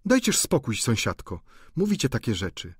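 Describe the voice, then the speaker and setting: A man voicing a kindly older woman who speaks softly and tenderly in a raised voice. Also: wildly swooping pitch, normal speed, slightly rough, no room sound, studio quality, full character voice. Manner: soft, tender, high.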